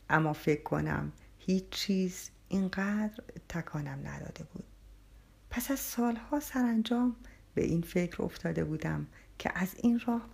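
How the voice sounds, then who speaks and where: Woman reading a story out loud, soft and half whispered, low husky voice. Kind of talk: first-person audiobook narration.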